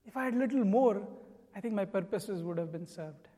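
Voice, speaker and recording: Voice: mid-range voice, lively intonation, normal speed, mellow. A spiritual teacher giving an earnest, explanatory sermon. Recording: long reverb.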